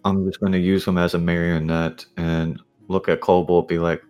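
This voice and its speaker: A man's voice: low voice, level tone, normal speed, a little mellow, dull audio. A man taking part in a tabletop game, casually describing and speaking for his character. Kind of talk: casual role-play chat. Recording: music playing behind.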